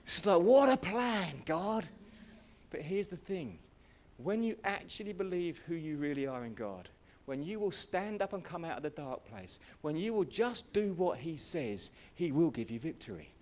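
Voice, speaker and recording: A man with a Welsh accent preaching a sermon as pastor, telling the story with acted-out voices, swinging from hushed to shouting. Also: fairly high pitch, sing-song, normal speed. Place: church hall.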